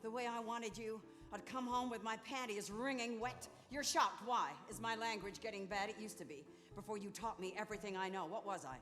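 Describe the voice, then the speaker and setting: A woman playing a sharp-tongued middle-aged wife who speaks in a crisp, ironic way, in a stage production. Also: mid-range voice, a little fast, few pauses, faint music behind, lightly acted. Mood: cutting. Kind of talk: stage musical acting. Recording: theater stage with long reverb.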